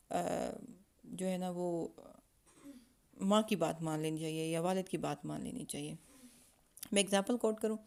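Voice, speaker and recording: A woman hosting a channel, talking informally about child psychology and parenting. She asks herself rhetorical questions and pauses often to find her words. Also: mid-range voice, warm tone. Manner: conversational, with frequent hesitations and rhetorical questions; acts out parent-child exchanges as examples. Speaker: channel host giving parenting advice.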